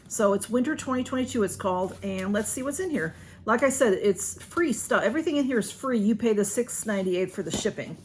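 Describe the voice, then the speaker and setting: An American woman chatting casually to viewers as she unboxes, folksy and rambling, with slightly slurred speech. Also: mid-range voice. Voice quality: slightly slurred speech from a sore tongue or mouth. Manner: folksy, rambling, says y'all often. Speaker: vlogger doing a beauty box unboxing. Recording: faint background room noise.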